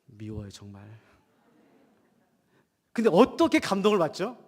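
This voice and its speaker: During a Sunday service, a pastor delivers a Protestant sermon in a large church hall whose long reverb fills the recording. His voice sits high for a man and swoops wildly, from emphatic declarations down to hushed asides, at a measured pace. He has a cold and poses rhetorical questions to his congregation.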